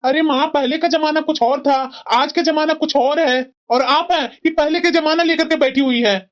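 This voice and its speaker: A woman's voice: sits high, steady tone, moderate pace, close to an everyday voice. Woman voicing an earnest pleading young son. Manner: pleading, reasoning with his mother. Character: earnest young married son defending his sister-in-law.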